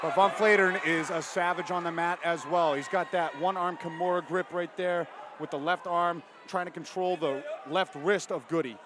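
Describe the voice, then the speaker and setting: A man giving live MMA commentary from cageside in an excitable, emphatic way. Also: high-pitched, moderate pace, a crowd in the background. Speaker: fight commentator. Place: cageside at a live fight event. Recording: noisy live venue ambience.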